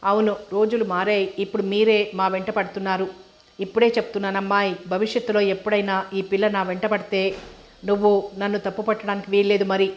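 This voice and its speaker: A woman's voice: mid-range voice, little pitch movement, a little fast, lightly acted. Woman doing a cheeky bantering young man. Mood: teasing. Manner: playful, bantering.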